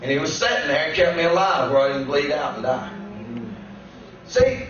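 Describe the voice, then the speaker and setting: A man preaching as a guest pastor. He tells a personal testimony that builds into shouted preaching. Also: on the high side, expressive, normal speed, a little hiss or hum. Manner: storytelling that climbs into shouted preaching. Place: church sanctuary. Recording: echoey church room, distant dull mic.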